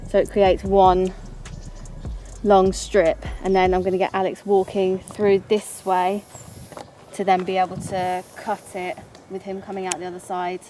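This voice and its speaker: A woman's voice: mid-range voice, completely flat delivery, a little slow, warm tone, a little hiss or hum. A British woman behind the camera explains how she plans to film a shot, in a matter-of-fact manner. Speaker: camera operator. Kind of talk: casual explanation of shots. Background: faint background music.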